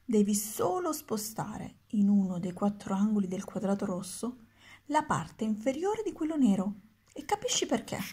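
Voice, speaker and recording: A woman's voice: mid-range voice, sing-song, moderate pace, mellow, breathy edge. A woman voicing an impatient old male wizard of numbers in a storybook, by turns coaxing and triumphant.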